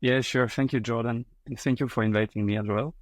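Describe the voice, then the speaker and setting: A man in his thirties from France talks fairly quickly in a mid-range voice with fairly even intonation, no echo. As a podcast interview guest with a French accent, he hesitates, filling gaps and restarting often.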